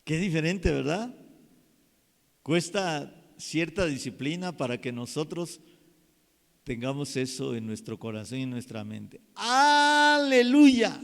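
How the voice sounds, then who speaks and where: A man preaching a sermon as pastor, swinging from hushed passages to loud exclamations. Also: medium pitch, vocal fry. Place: church hall. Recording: reverberant church hall.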